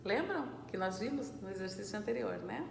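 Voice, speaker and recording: A woman teaching a Spanish class, patiently going over exercises, reading words slowly and checking that students follow. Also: medium pitch, animated, echoey room, big-room sound, a little hiss or hum. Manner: explains patiently, checks understanding with "certo?" and "né, gente?"; reads Spanish words slowly and clearly, switching into Portuguese explanations.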